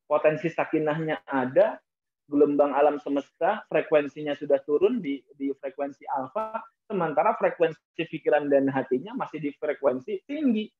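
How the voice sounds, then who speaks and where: Preachy man, tinny phone-like sound. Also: a little high. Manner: preacher-like, addresses audience often, mimics prayers softly. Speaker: motivational speaker. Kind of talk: motivational talk to a business audience.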